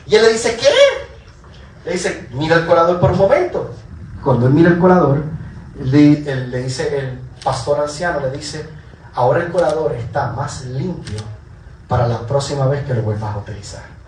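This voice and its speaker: A man preaching a sermon, telling a story with lively repetition for emphasis and calling on the congregation to respond. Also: on the high side, normal speed, recorded from a distance. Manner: animated, repeats phrases for emphasis. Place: church hall. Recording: echoey room, voice from afar, faint ambient noise.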